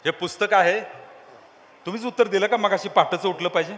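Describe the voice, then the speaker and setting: Preaching to a crowd, a man with a brisk, high, fairly bright voice teases his listeners and draws them into call-and-response questions. It's a lively sermon full of crowd games, heard with a long hall reverb.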